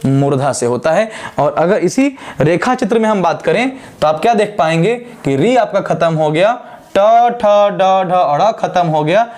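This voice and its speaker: A young man with a high voice and a Purvanchal Hindi accent teaches grammar at a board. He is emphatic and says the sounds over slowly so learners can copy them. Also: darkish tone. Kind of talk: whiteboard grammar lesson.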